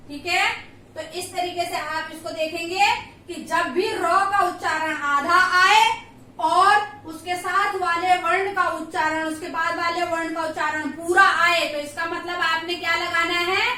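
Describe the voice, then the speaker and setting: A woman's voice: very high voice, fairly even intonation, measured pace, bright, forceful tone, very echoey, far from the mic. A woman teaching grammar, patiently repeating sounds and asking checking questions. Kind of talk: classroom lesson.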